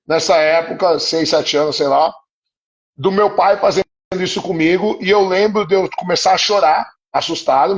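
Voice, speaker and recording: A man, a psychoanalyst guest, telling a personal story in an earnest, confessional way. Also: high voice. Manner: earnest, confessional, often asks "entende?". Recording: muffled live-stream audio.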